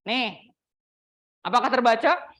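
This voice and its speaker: A young woman teaching an English class in a classroom, chatty and teasing, slowing down to model example sentences. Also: fairly high pitch, expressive, fairly bright tone. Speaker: university English lecturer. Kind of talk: classroom lecture.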